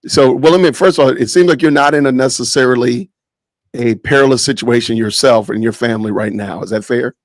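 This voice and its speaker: A man's voice: mid-range voice, brisk, no room sound. A man hosting a live stream podcast, casual and joking, often saying "man" and "y'all", talking over a video call. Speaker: podcast host.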